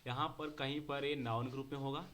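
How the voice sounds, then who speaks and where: A man's voice: medium pitch, fairly even intonation, fairly quick, fairly bright tone, a little hiss or hum. A man teaching a grammar lesson to a class. He speaks, repeats key words and keeps asking whether the students understand.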